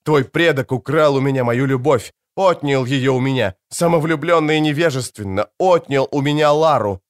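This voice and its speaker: A man's voice: medium pitch, dry recording, studio quality, close to an everyday voice. A man voicing a cold, stern ancient elf. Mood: cold contempt. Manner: calm, warning, measured. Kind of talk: audiobook character reading.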